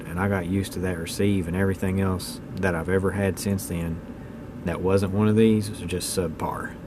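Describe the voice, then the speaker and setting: This is an at-home hobbyist video from a man in his thirties with a low-pitched voice. He talks off the cuff in a plainspoken, folksy, opinionated style over a noisy background.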